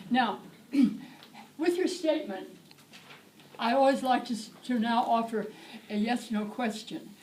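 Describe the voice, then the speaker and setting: An older woman giving a lively lecture to teachers, demonstrating chants with rhythm and repetition. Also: on the high side. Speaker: teacher trainer. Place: lecture hall. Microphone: tablet recording from the audience. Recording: distant room recording with faint hiss.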